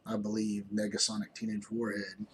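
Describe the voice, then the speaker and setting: A man's voice: lowish voice, monotone, moderate pace, a little hiss or hum. A man giving casual game commentary as a gaming YouTuber, rambling and hesitant with many ums, sounding tired. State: tired, yawning.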